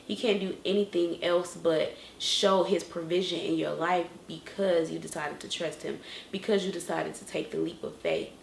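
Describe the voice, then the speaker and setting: A young woman shares an earnest faith testimony in a lowish, gravelly voice, often restarting her sentences. She is recorded in an echoey room with a faint hum of ambience behind her. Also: steady tone, normal speed. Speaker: vlogger. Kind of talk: inspirational faith vlog.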